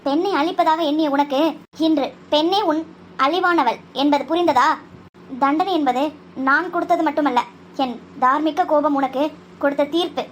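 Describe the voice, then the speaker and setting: A woman's voice: sits high, normal speed, slight background noise, lightly acted. A woman voicing a fierce young woman doctor who takes revenge in a cartoon, scolding and declaiming with fiery force. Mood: grand declaiming. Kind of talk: cartoon voice acting.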